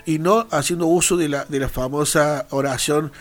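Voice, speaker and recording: A man's voice: a little high, fairly even intonation, moderate pace. A man, explaining prayer in earnest in a devotional talk and reading Bible verses aloud. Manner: earnest, reads scripture aloud, quotes sample prayers. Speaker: church radio co-host.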